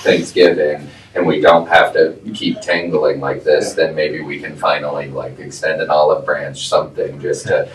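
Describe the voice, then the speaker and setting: A man's voice: a bass voice, level tone, moderate pace, hardly any pauses. A man chairing a board meeting in casual talk, joking and laughing often. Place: meeting room. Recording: echoey room, distant mic, faint noise.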